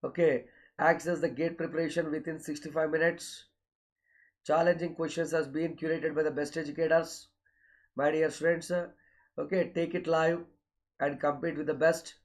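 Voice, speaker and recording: Man, South Indian accent, slightly high voice, coaching teacher, lecture-style announcements, repetitive address to students. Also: little pitch movement, normal speed, rough recording. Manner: repetitive, often addresses students directly with filler okays. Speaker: online exam-coaching teacher.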